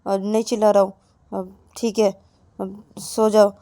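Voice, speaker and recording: A woman's voice: medium pitch, little pitch movement, unhurried, mellow, no room sound, close to an everyday voice. Ananya, a woman voicing a pleading sulky young woman. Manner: pleading and whiny. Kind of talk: storyteller acting out dialogue.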